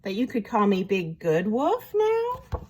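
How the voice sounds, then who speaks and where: A woman's voice: on the high side, very animated, normal speed, a little hiss or hum. A woman voicing a big storybook wolf who wants to be good, earnest and easily hurt, polite and pleading. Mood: shy, grateful. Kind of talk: children's storybook character voice.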